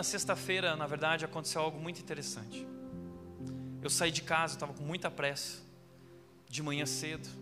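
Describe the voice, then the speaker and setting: A man pastor delivering a sermon in a high-pitched voice, moving from storytelling into emphatic exhortation. His words carry a long reverb in a church hall. Music plays clearly behind him.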